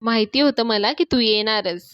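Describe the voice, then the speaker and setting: A woman's voice: on the high side, moderate pace, a bit bright, dry recording, highs cut off, lightly acted. A woman reading the lines of a stubborn young woman in love, insistent and teasing.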